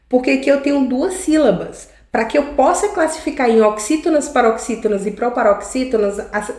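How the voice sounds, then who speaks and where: Woman, Brazilian Portuguese accent, schoolteacher, fairly high voice, patient step-by-step explaining, echoey room. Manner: explains step by step, often checking in with the class. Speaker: teacher. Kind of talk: recorded grammar lesson.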